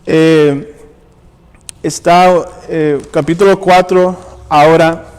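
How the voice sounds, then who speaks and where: A man's voice: fairly high pitch, fairly even intonation, slow, a little mellow, clean tone, long reverb tail. A man preaching and reading scripture aloud, often stumbling and restarting words. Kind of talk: sermon with Bible reading. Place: church.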